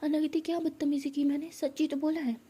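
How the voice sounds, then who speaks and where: Soft-voiced woman telling a love story. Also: sits high, little pitch movement, fast talker. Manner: soft, partly whispered narration. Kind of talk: narrating a love story, voicing each character.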